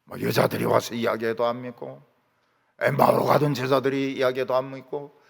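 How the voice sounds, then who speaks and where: A man's voice: medium pitch, level tone, fairly quick, creaky. A male pastor delivering a sermon with emphatic rhetorical questions, recorded in a church hall. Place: church sanctuary. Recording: long reverb of a church hall.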